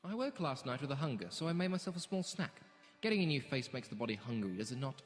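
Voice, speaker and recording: An eccentric male alien doctor in the body of a cartoon pony, acted by a man. He is theatrical and excitable, with a very animated pitch that leaps on exclamations. Music plays behind him in this audio drama. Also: fast, lightly acted. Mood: breezy, polite. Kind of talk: fan audio drama acting.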